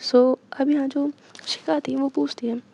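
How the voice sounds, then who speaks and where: A woman's voice: high voice, little pitch movement, a little slow, creaky, mellow. A young woman casually retelling an audio story, chatty and full of fillers, in a dull lo-fi recording.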